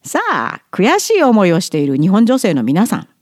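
A blunt, plain-spoken middle-aged woman from Japan speaks her mind in a vlog monologue. Her pitch swings widely as she presses each point. The sound is dry and close. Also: wildly swooping pitch, a little mellow, dry recording. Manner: emphatic, blunt, plain-spoken, with quick asides. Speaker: vlogger commenting on society. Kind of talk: outspoken monologue.

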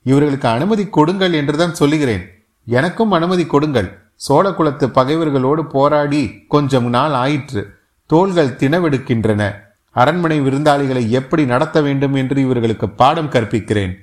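A brash young warrior, bold and quick with his tongue, as a male narrator puts him on. He speaks with indignant, commanding force in a storybook reading. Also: mid-range voice, natural voice. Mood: defiant.

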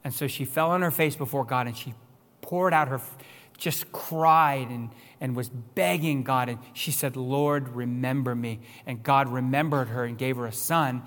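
A man's voice: medium pitch, moderate pace, fairly bright tone, big-room sound. A man preaching a sermon as pastor, building to emphatic raised-voice questions. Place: church sanctuary.

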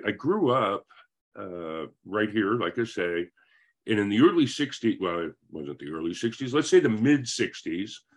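A man in his fifties from Northern California, a guest telling his life story in a friendly, rambling way over a video call. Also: deep voice. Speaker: interview guest.

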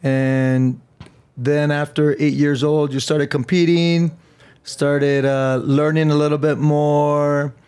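A man hosting a podcast interview, easygoing and chuckling, tossing in quick okays between questions. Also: on the high side, level tone, a little mellow, clear, resonant tone. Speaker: podcast host. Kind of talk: casual interview.

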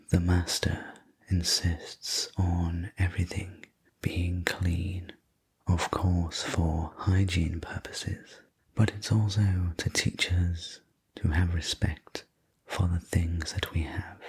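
A man soft-spoken slowly and soothingly as a sleep story narrator, in an ASMR role-play as a courteous head servant with a breathy voice. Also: low-pitched. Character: courteous male head servant guiding a manor tour.

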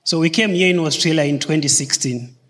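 A man from Zimbabwe with a notably high voice talks earnestly to a congregation. His words carry a long reverb from a large church hall. He strings his story together step by step. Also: fairly quick, a bit bright. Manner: earnest, chains points with "so" and "and then". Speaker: church member sharing testimony. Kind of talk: casual talk to a congregation.

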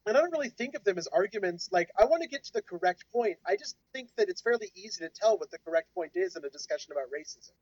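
A co-host in their thirties talks fast with few pauses, their medium-pitched, expressive voice carrying a darkish tone. The casual discussion podcast has them joking, musing, and advising. The recording is dry, dull, and lo-fi.

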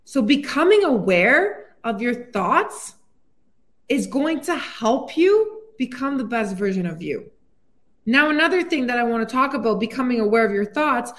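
A woman weight loss coach hosting her own podcast, talking to the listener in an upbeat, encouraging way. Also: high-pitched. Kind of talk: solo motivational podcast talk.

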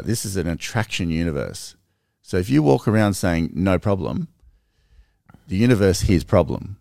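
Low-voiced man explaining earnestly. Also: vocal fry, no echo, studio quality. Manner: earnest, animated explaining with restarts. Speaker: podcast co-host. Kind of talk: casual conversation.

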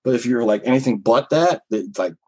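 A man's voice: medium pitch, expressive, a little fast, dark tone, slightly rough, low-quality recording. A man who works as a comedian talks candidly in an interview, rambling with many fillers and restarts. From Philippines heritage. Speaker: comedian guest. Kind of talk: casual interview talk.

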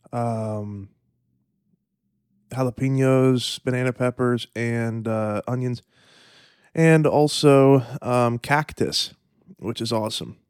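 A man hosting a solo podcast in a relaxed, rambling way, with fillers and throat clearing, eating and sipping coffee at the mic. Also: mid-range voice, no room sound, studio quality. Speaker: podcast host. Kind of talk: casual solo podcast talk.

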